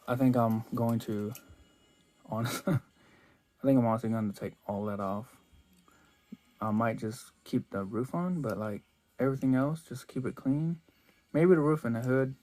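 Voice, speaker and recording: A man's voice: medium pitch, darkish tone. A man chatting casually as he unboxes toy cars for his vlog, rambling and restarting his sentences a lot. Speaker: toy car collector vlogger.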